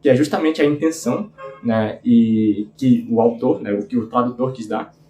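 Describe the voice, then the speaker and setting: Guy doing a casual book review, warm mellow voice, lots of filler, echoey room. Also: mid-range voice, moderate pace, soft background music. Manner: informal, frequent filler tags, earnest enthusiasm. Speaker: book channel host.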